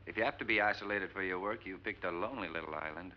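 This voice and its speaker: A man's voice: sits low, quick pace, slight background noise, lightly acted. An actor playing an easygoing male boat captain who talks in a casual, dry, plain-spoken way. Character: adult male sea captain, easygoing and blunt. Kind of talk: 1950s film acting. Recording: dull old film soundtrack with music.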